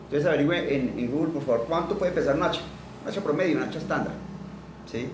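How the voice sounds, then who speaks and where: Male preacher, somewhat high voice, interactive teaching sermon with call-and-response, miked from a distance. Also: quick pace. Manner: quizzes listeners and leads call-and-response repetition; reads scripture aloud, then explains it plainly. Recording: roomy echo, voice from a distance, faint background noise.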